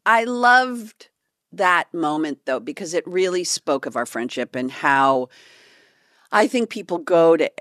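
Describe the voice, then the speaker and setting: A woman's voice: sits low, a little slow, no echo, clean studio sound. A woman from California co-hosting a podcast, telling a story in casual chat and acting out the people in it. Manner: animated storyteller who acts out quotes. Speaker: podcast co-host.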